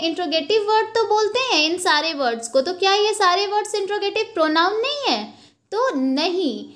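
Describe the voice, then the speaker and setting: A young woman teaching an English grammar lesson from slides, explaining slowly and checking in with "ok" after each point. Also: extremely high pitch, fairly bright tone. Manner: slow, explanatory, repeats points with "ok" and "theek hai". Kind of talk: slide-based lesson, Hindi with English terms.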